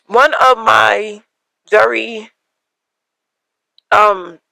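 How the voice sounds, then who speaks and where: Gravelly bright-voiced woman telling a personal story. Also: on the high side, steady tone, dry recording, low-quality recording. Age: 30s. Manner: emotional and halting, many fillers and laughs. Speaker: podcast host.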